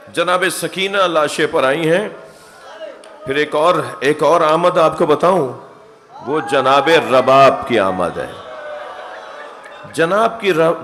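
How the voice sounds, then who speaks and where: A man, a cleric giving a mourning sermon, who tells stories with acted-out quotes and climbs from soft narration to anguished cries. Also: on the high side, big-room sound. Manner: recounts a story, acting out quoted voices. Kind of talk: Muharram majlis sermon.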